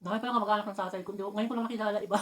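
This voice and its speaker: A woman from the Philippines chatting casually while eating, telling family stories with frequent laughter and lively bursts. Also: mid-range voice, racing. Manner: laughs often, animated when telling anecdotes. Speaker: vlogger.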